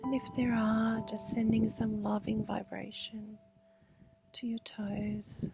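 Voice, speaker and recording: A woman leads a guided meditation in a very slow, soothing voice, often softening into near-whispers. Her pitch sits in a comfortable middle range. Instrumental music plays clearly beneath her words, recorded outdoors at a retreat. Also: flat delivery. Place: outdoor retreat under a pyramid structure.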